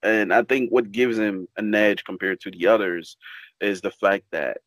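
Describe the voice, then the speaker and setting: Young man, podcast guest, casual chat, low voice, dry sound. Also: steady tone, normal speed, fairly bright tone, no echo. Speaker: podcast guest, comic creator.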